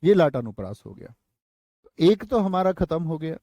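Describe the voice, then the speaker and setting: A male Hindi teacher with a North Indian accent, teaching an online exam-prep class. He repeats each phrase slowly for students to note down and slips into casual asides to them. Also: a little high, very animated, dark tone, no room sound. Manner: slow, repeats phrases for dictation.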